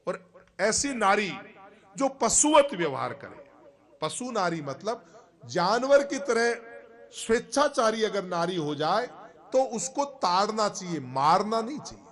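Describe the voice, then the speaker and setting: A man's voice: high-pitched, fairly bright tone. A man giving a devotional scripture discourse, explaining points to his listeners through rhetorical questions. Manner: chants rhythmic drum syllables aloud. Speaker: religious discourse preacher.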